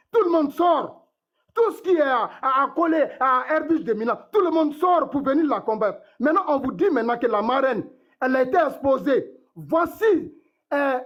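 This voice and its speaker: Ivorian guy in a live panel, rambles and repeats himself, muffled lo-fi audio. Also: very high voice. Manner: rambling, repeats words, addresses others directly. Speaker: panel participant in a live stream. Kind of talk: casual live-stream debate. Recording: dull lo-fi phone audio.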